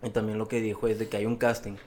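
A man with a Mexican Spanish accent chats on a podcast in a fairly low voice. He throws in quick slangy reactions and retells what he heard in a loose, easy way. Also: completely flat delivery, darkish tone, slight background noise. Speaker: podcast co-host. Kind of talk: casual chat.

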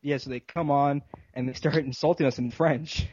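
A man at a middling pitch telling a story in an easy, low-key way. The sound is dry and dead, with dull, lo-fi audio. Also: fairly even intonation, normal speed, a little mellow, no echo. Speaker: podcast co-host. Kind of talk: casual chat.

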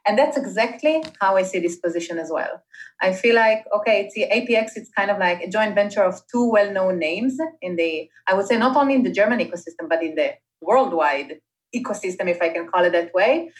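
A guest from Israel who manages startup investment partnerships talks in a conversational interview. Her medium-pitched voice is expressive and brisk, and her casual chat is peppered with many fillers.

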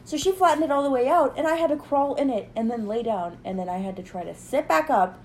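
A young woman with a high voice talks fast in casual chat, telling a sarcastic story and mimicking the people in it through quoted dialogue. There's a little hiss or hum on the recording.

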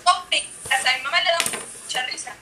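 A woman's voice: high voice, moderate pace, noisy background. A young woman with a Mexican Spanish accent, a livestream guest telling a party story in casual chat.

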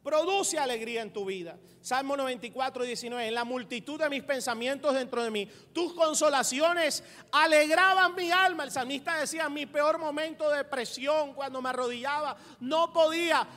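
A man preaching a sermon as pastor, laughing along with his listeners, calling for amens and rising to loud emphasis. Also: very high voice, brisk, few pauses. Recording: roomy long reverb with faint music.

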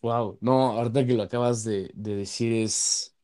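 A young man talks in a mellow, warm tone. He is earnest and a little halting, repeating words as he gathers his thoughts in casual conversation. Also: mid-range voice, steady tone. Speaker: law student.

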